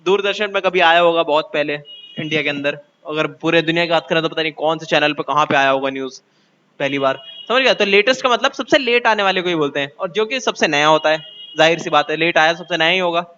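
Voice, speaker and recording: A man with an Indian accent teaching English grammar in Hindi, explaining step by step, asking the class questions and reading English rules out slowly. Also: fairly high pitch, sharp tone, clear, resonant tone, lo-fi sound.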